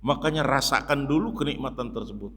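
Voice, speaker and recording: Man, mosque preacher, lively and joking, middle pitch, reverberant hall. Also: fairly quick, breathy edge. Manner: lively, jokey, addresses listeners as "Pak", acts out shouts. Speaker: Islamic preacher. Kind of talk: mosque sermon.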